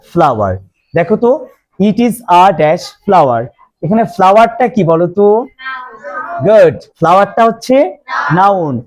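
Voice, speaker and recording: A man with a high-pitched, darkish voice teaches English grammar to a classroom, slowly repeating questions for the students to answer.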